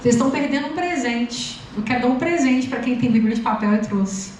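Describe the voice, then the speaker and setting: A woman preaching a sermon and telling a personal testimony in a lively, humorous way to a congregation. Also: on the high side, a little fast, slight background noise. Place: church hall. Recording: echoey hall, distant mic.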